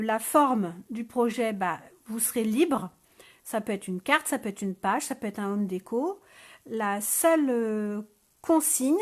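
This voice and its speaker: A woman hosting a scrapbooking live stream, chatting casually with viewers with many hesitations and fillers, speaking French. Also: a little high. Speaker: scrapbooking channel host. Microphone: phone.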